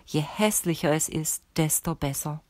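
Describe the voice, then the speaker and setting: A woman reading the lines of a calm, stern old male sorcerer teacher in a measured, instructive way for an audiobook. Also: low voice, no echo, close to an everyday voice.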